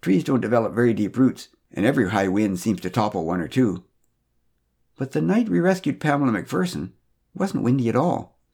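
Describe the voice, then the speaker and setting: A man tells a story for his podcast in a gentle, wry way. His voice is slightly husky, and his pitch moves in a lively way. He has a dry, easy delivery. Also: moderate pace.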